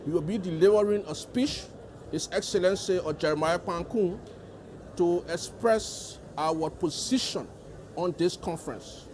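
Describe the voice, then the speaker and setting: Higher-pitched, emphatic Liberian man. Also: measured pace, a little mellow, a little hiss or hum. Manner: emphatic, repeats phrases for stress. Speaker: government delegate being interviewed. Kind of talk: formal interview answers.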